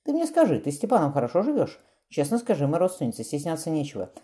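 A woman's voice: deep voice, big pitch swings, fast talker, mellow, voice pushed up. A woman voicing a bold, frank young noblewoman with a teasing manner in an audiobook. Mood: probing.

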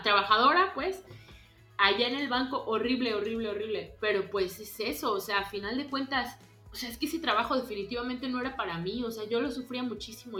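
A young Mexican woman telling a story in a casual chat, animated and rambling, with lots of fillers and laughs. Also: medium pitch, echoey room.

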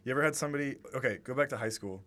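A man's voice: mid-range voice, very fast, pushed and bright. A young man with an American accent, chatting casually and agreeably as a podcast co-host, with slangy phrasing. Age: young adult. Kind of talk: casual chat.

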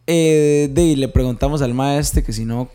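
A man's voice: mid-range voice, normal speed, dark tone, smooth. A man with a Costa Rican accent retelling a shared story in slang-heavy casual chat.

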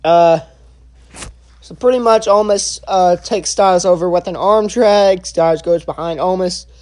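A young man giving a casual spoken review, halting and full of filler sounds and restarts. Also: sits high, darkish tone. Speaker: wrestling show reviewer.

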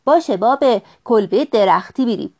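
A woman voicing a playful, carefree young fox who talks loudly and cheerfully. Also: mid-range voice, expressive, natural voice. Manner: loud and cheerful.

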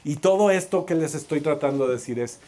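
A man with a Mexican accent preaching through a lively, self-mocking story, acting out the voices of the people in it. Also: a little high, brisk. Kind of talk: storytelling sermon.

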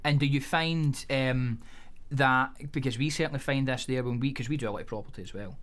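A man's voice: medium pitch, brisk, a bit bright. A man hosting a business podcast, introducing and interviewing in a conversational way.

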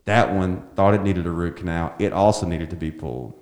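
A man's voice: sits low, brisk. A man, a comedian telling a long story in an interview and acting out what people said. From Alabama. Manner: animated storyteller, acts out quotes. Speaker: comedian guest. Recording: roomy echo.

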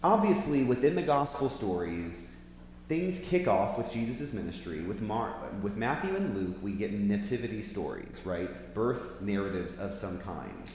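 Low-voiced man in a big echoing hall. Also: sing-song, moderate pace, darkish tone. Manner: conversational, with questions to the listeners. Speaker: preacher leading a church Bible class. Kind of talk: informal talk to a church group. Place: large echoey church room or hall. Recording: big hall echo, long reverb, faint hum.

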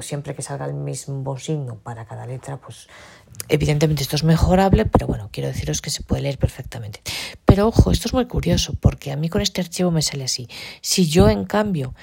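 A woman's voice: rumbling low, vocal fry, warm tone, breathy edge. A woman patiently walking listeners step by step through a device tutorial. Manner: explains patiently while operating a device. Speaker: tutorial presenter.

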